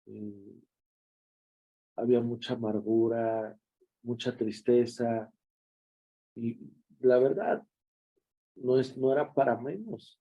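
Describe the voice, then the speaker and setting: A man's voice: mid-range voice, takes it slowly, long pauses, dull audio. A man with a Mexican accent, a pastor giving a devotional sermon in a conversational, storytelling way.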